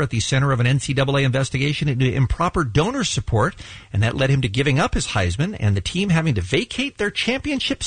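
Male radio host for dramatic contest hype: husky, animated, suspense-building, close studio mic. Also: on the high side, no echo. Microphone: close studio microphone.

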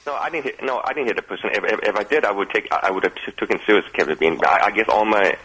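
A man chatting as a radio phone-in guest, halting and repeating his words as he goes. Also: on the low side, pushed and bright, breathy edge, low-quality recording. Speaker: radio show listener and contributor. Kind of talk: casual phone-in chat. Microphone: telephone.

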